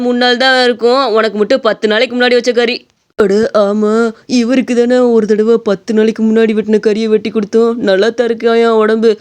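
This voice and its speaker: A woman's voice: a little high, clean tone, lightly acted. A woman doing a greedy cowardly mutton seller. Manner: scheming, then panicky pleading.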